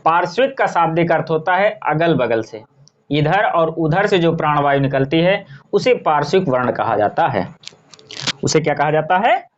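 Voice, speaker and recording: A man's voice: on the high side, lively intonation, normal speed, lo-fi sound. A man teaching a grammar lesson. He spells out sounds and example words one at a time, and he asks each question and then answers it himself in drill fashion.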